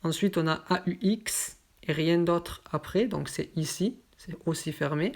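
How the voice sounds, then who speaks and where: A woman's voice: lowish voice, darkish tone. A woman teaching French pronunciation, carefully reading word lists aloud and explaining spelling patterns step by step. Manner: slow, careful enunciation of each word.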